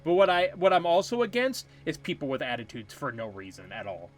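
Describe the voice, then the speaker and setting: Animated ranting gaming streamer, man. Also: on the high side, brisk, faint music behind. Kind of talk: let's play commentary.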